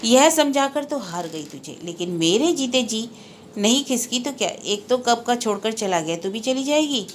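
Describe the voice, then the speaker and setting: A woman's voice: fairly high pitch, expressive, moderate pace, slight background noise, natural voice. A woman reading the part of an older female relative who chides earnestly but with care. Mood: chiding.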